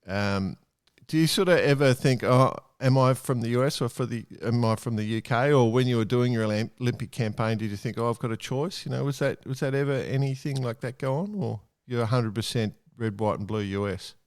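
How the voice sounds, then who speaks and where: A man's voice: medium pitch, brisk, clean tone, no echo, clean studio sound. A man hosting a podcast, asking long rambling questions and teasing his guest. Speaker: podcast host. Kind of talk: casual chat.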